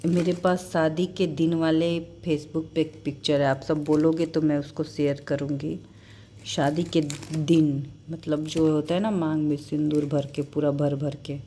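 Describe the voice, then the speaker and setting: Soft, low-voiced woman showing photos. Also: level tone, a little hiss or hum. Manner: soft-spoken, halting and emotional. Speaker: vlogger. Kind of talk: casual vlog chat showing a wedding album.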